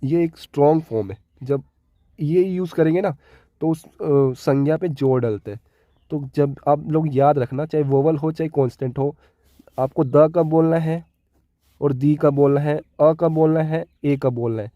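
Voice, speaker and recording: A man's voice: a little high, moderate pace, no echo, lo-fi sound. A man with a Hindi accent teaching an English grammar lesson, explaining step by step and often checking in with his listeners. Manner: repeats key words and keeps checking with "ठीक है".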